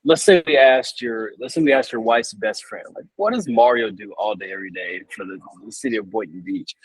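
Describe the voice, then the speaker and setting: A man's voice: lowish voice, brisk, husky, no room sound, poor audio. A man hosting a podcast, asking loose, friendly hypothetical questions in a casual interview.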